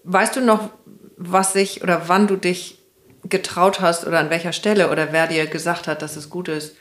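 An attentive interviewer poses careful, probing questions. The delivery is gentle and encouraging, with plenty of small affirming sounds. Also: mid-range voice, level tone, normal speed.

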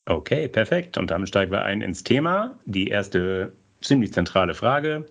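A man's voice: fairly low pitch, big pitch swings, normal speed, fairly bright tone, muffled recording. A man hosting a podcast, reading a scripted introduction and putting questions to his guests, with playful wordplay. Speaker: podcast host.

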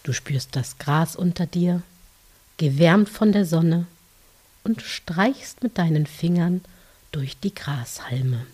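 Soft, breathy woman, very slow dream-journey narration. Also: fairly low pitch. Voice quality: soft, breathy, hushed, at times near whisper. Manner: gentle, soothing, unhurried with long pauses. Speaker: narrator of guided relaxation for children.

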